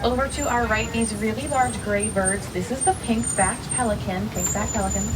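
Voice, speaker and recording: A woman's voice: on the high side, moderate pace. A woman working as a safari guide, giving instructive tour commentary to riders on a truck. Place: open safari truck outdoors. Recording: distant, loud truck engine noise. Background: vehicle noise.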